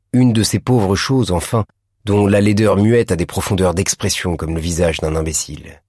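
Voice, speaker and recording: Deep husky male audiobook narrator. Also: a little mellow, no room sound, clean studio sound. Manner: measured, deliberate reading. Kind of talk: scripted narration of a classic novel.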